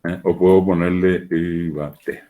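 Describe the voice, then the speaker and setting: A man with a low voice gives a lecture, walking through examples patiently and repeating them so learners can follow. He sounds like he is speaking over a video call. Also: steady tone, takes it slowly, narrow, tinny audio. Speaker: teacher.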